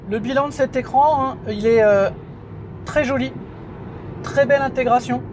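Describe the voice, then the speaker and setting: High-voiced chatty man reviewing in a car. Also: background noise. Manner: chatty, many fillers and "hein". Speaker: car video host. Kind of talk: casual product review vlog. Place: inside a car, driving.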